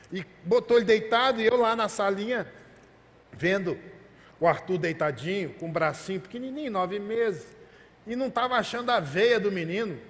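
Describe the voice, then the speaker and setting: A male pastor preaching a sermon, telling a personal story earnestly and asking the congregation rhetorical questions. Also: sits high. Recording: long hall reverb.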